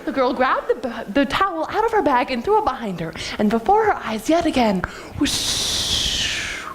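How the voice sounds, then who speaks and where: A woman telling a folktale in her own words as a competition storyteller, expressive and animated. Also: high-pitched, brisk. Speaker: student storyteller. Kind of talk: storytelling performance.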